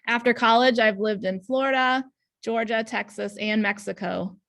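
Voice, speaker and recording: Her voice is fairly high and a bit bright, with vocal fry and a normal pace. She's an Indiana woman in her thirties, an ENL teacher delivering a conference talk on a video call picked up by her webcam. Earnest in manner, she frequently pauses with "um" and starts over.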